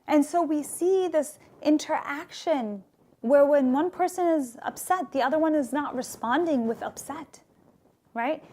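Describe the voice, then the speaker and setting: A woman's voice: extremely high pitch, darkish tone. A woman who works as a therapist gives an earnest, emphatic talk on relationships and faith, often checking in with "right?". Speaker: therapist and Islamic speaker.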